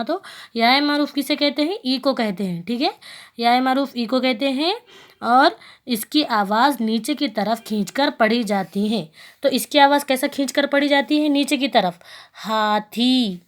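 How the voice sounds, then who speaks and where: A woman with a Hyderabadi Urdu accent teaching young children to read, patiently asking questions, repeating herself and spelling out letter sounds slowly. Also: on the high side. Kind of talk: children's Urdu reading lesson.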